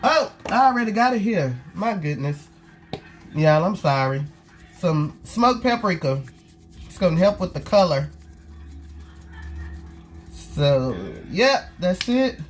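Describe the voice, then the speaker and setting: A woman hosts her cooking vlog from a home kitchen, her voice nasal and congested from a cold. She talks at an unhurried, slow pace and chats straight to her viewers while she works. A faint hum of room noise sits behind her. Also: on the low side, big pitch swings. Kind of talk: casual cooking chat.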